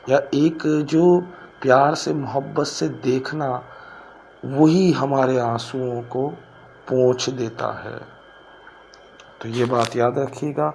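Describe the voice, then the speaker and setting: A man, explaining an English poem line by line as a teacher. He reads each line slowly, then explains it at a quicker pace. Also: mid-range voice, creaky, darkish tone, slight background noise, poor audio. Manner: switches between slow recitation and quick explanation.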